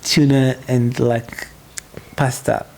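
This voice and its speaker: A man's voice: mid-range voice, flat delivery, slow pace, darkish tone. A man co-hosting a podcast in casual chat, laughing often and telling playful stories. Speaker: podcast co-host.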